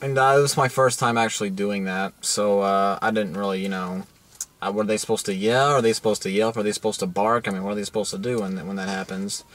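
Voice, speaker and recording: A man's voice: fairly low pitch, steady tone, fast talker, a bit bright. A young man co-hosting a crude comedy show, telling rambling joking stories with slang and filler. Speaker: co-host.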